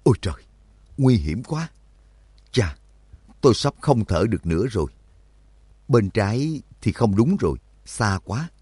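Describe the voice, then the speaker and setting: A man's voice: fairly low pitch, very animated, measured pace, pauses often, a little mellow, breathy edge, dry recording, heavily acted. A man voicing a nervous young expedition member who stammers and gasps out frightened exclamations in an audiobook. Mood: anxious.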